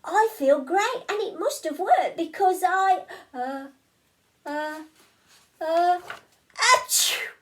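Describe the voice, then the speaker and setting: A woman's voice: slow pace, long pauses, a bit bright, far from the mic, full character voice. A woman doing a timid sneezy little fish. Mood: nervous. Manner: high, anxious, breathless before a sneeze. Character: timid young male fish with constant sneezes.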